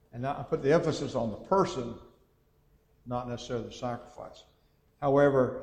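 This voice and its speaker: A man teaching a Bible class in a conversational way, thinking aloud with frequent pauses and reading scripture passages aloud. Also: medium pitch, darkish tone. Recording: echoey hall with long reverb.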